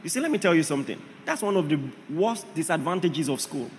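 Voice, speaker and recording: A man's voice: on the high side, sing-song, quick pace, in a large hall, a little hiss or hum. A man preaching a sermon, emphatic, often asking the congregation rhetorical questions.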